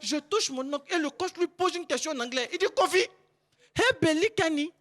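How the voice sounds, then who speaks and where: A man telling a comic story on stage as a stand-up contestant, animated and breaking into shouts. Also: very high voice, fast talker. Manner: animated, bursts into shouts and cries. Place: stage before a live audience.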